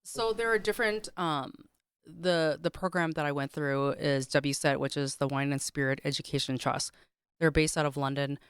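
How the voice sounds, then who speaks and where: Low-voiced woman telling a lively story. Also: moderate pace, smooth, dry recording. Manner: animated storyteller, many fillers and restarts. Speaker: guest, caterer. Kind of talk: casual storytelling on a podcast.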